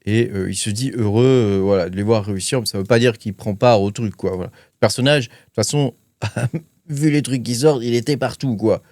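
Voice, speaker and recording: A man's voice: fairly low pitch, normal speed, darkish tone, no room sound, studio quality. A man hosting a crypto channel, talking casually with lots of fillers and hesitations while reading his notes. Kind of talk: casual commentary to camera.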